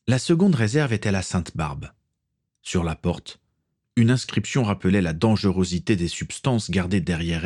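A man narrating a storybook reading in an expressive storytelling manner. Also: deep voice, slightly rough.

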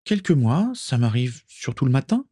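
A man voicing a gentle, stubborn young Japanese woman in a read-aloud story, speaking softly and shyly. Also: mid-range voice, big pitch swings, normal speed, husky, dry recording, clean studio sound, voice pushed up. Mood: quiet, stubborn.

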